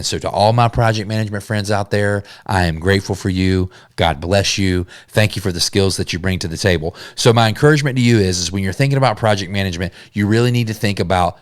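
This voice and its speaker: A man's voice: deep voice, dry recording, clean studio sound. A man hosting a solo business podcast, talking in an earnest, conversational way and sometimes restarting his sentences. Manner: earnest, conversational, with self-corrections. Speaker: podcast host.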